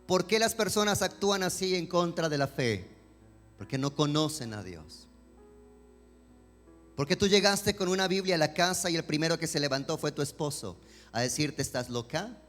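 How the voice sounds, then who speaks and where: A man preaching a sermon as a pastor, swinging between emphatic questions and softer pleading. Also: fairly high pitch, expressive, moderate pace. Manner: preaching with rising emphatic questions and dramatic quoted voices. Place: church sanctuary. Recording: long church hall reverb with music behind.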